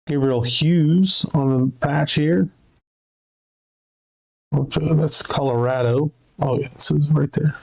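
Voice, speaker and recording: Casual card break host, male, gravelly voice, reads names and numbers off cards. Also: a little high, fairly even intonation, slow pace, long pauses, darkish tone, poor audio. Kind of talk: live card break commentary.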